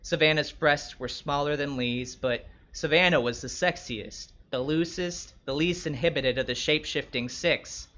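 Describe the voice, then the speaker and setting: This is first-person literary narration in which a man voices a wary young escort, his delivery wry, measured and descriptive. The voice comes across as a bit high, bright and forceful, and the audio is slightly dull.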